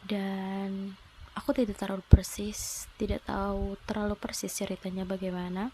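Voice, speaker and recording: A woman in her twenties from South Sumatra, telling a personal story in a soft, reflective and slightly hesitant way. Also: medium pitch, completely flat delivery, normal speed, slight background noise. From South Sumatra, Indonesia. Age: 20s. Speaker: vlogger.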